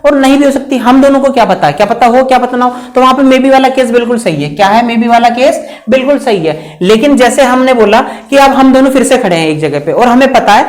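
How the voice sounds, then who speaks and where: A man teaching English grammar in a lecture, repeating points and slowly spelling out example sentences. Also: very high voice, animated. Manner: repetitive, question-and-answer explaining, drawn-out English examples. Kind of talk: classroom lecture.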